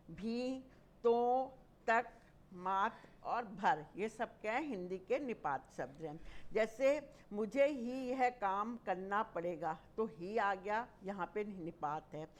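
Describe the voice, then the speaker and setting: Slow, patient woman teaching grammar. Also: mid-range voice. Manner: slow, explains each term and repeats examples. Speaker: school Hindi teacher. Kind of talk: classroom grammar lesson.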